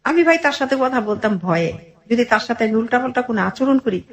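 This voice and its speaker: With a fairly high pitch, lively intonation, and a quick pace, a middle-aged Bangladeshi-accented woman tells her life story as an interview guest. She narrates earnestly and in detail, often quoting dialogue.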